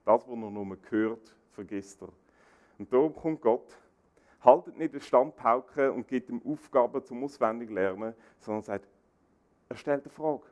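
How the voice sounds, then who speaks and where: A man preaching a sermon, animated, acting out quoted dialogue. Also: measured pace, lo-fi sound. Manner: animated, acts out quoted dialogue with rising pitch.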